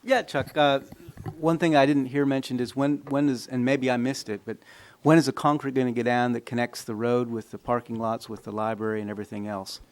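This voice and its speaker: A man's voice: mid-range voice, fairly even intonation, fairly quick, hardly any pauses. A man on a city council asking questions hesitantly, repeating words as he goes. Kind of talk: casual questioning at a public meeting. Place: council meeting chamber.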